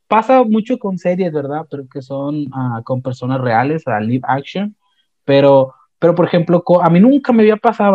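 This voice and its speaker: A young man with a Mexican accent, casually retelling an anime plot in a slangy, animated way with many restarts. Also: on the high side, dry recording. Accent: Mexican Spanish. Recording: dull, slightly lo-fi dry sound.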